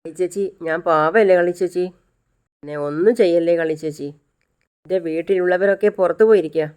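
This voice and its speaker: A woman's voice: on the low side, fairly even intonation, a little fast, a little mellow, smooth, natural voice. A woman voicing a frightened young woman left home alone, panicking and pleading.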